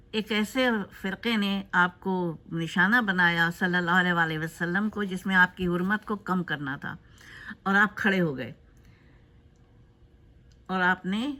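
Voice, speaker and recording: A woman giving a spoken tribute in a loose, unscripted way, pausing often with fillers. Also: mid-range voice, pushed and bright. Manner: hesitant, with frequent filler pauses. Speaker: narrator of a tribute video.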